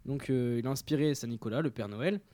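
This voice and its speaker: A young radio show columnist reads through his chronicle casually and haltingly, with many fillers and restarts. His mellow, middle-pitched voice is recorded close and dry, with no room sound.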